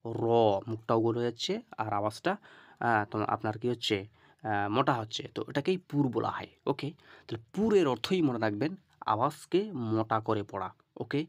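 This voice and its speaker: A man's voice: mid-range voice, animated, brisk, no echo, clean studio sound. A man teaching Quran reading, spelling out letters and vowel marks step by step and often checking "okay?". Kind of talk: lesson on reading Arabic letters.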